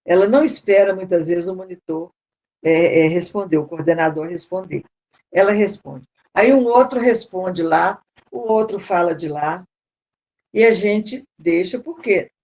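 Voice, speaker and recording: A woman's voice: lowish voice, a little slow, a little mellow. A Brazilian woman speaking at a spiritual seminar, informal and conversational, often repeating words and tagging on "né?". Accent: Brazilian Portuguese.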